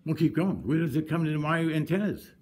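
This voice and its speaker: There's a little hiss or hum as a man with a high-leaning, animated, slightly mellow voice speaks a bit fast. Contesting a code violation at a public hearing, he argues his own case combatively and insistently, repeating himself often.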